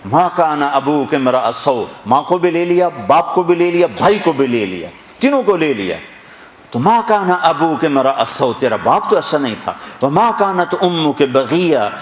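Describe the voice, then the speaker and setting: A man giving a storytelling sermon, retelling scripture dramatically and slowly reciting verses between the narration. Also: a little high. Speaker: preacher. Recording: echoey hall with long reverb, faint noise.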